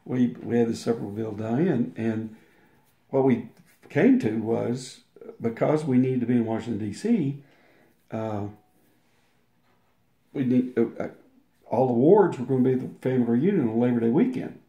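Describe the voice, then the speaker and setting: His mid-range, mellow voice moves at a moderate pace and pauses often. The older man is an interview guest telling a long personal anecdote casually, rambling, restarting, and acting out quotes, in an echoey space.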